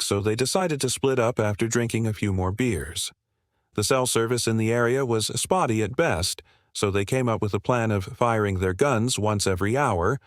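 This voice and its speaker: A man telling a long scripted dad joke as a story, in measured full sentences. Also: lowish voice, no echo, clean studio sound.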